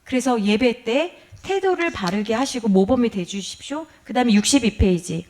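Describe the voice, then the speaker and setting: A woman's voice: fairly high pitch, expressive, moderate pace, a little mellow. A middle-aged woman pastor giving a sermon lecture, asking the congregation questions and acting out quoted complaints.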